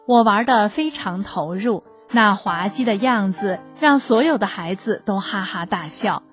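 A woman reading a scripted radio narration in a measured, even way. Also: mid-range voice.

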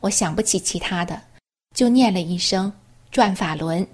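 Husky-voiced woman reading a testimony. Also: fairly low pitch, moderate pace, darkish tone. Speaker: reader of a personal testimony. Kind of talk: read-aloud first-person testimony.

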